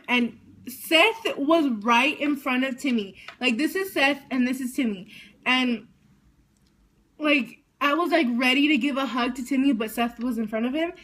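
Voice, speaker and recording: A woman telling a story to her vlog audience, excitable and rambling, saying "like" constantly. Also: sits high. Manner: excited, rambling, heavy use of "like". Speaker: vlogger.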